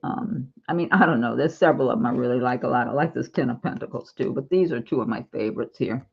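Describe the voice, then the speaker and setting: Husky lady doing a chatty tarot reading, kinda muffled lo-fi sound. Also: very deep voice, fast. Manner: chatty, giggly, warm reassurance. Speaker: tarot reader. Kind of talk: casual tarot reading monologue.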